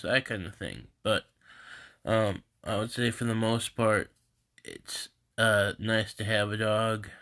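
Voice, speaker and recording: A man with a stuffy, congested nose, talking in a halting, rambling way on a casual live stream from home into his phone. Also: lowish voice, sharp tone. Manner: halting and rambling, many restarts. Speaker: host of a live group stream. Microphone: phone camera.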